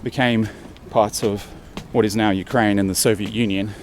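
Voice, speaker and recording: Out on a city hill walk, the English vlogger keeps up a normal speed in a lowish, steady voice as he heads uphill. He's a bit out of breath but chatty, thinking aloud for his travel vlog, with faint street noise around him.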